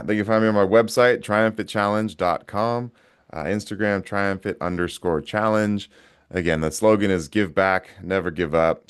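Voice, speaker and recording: A man's voice: fairly low pitch, clean tone. A young man talking casually and emphatically as a podcast guest, swearing now and then. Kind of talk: casual conversation.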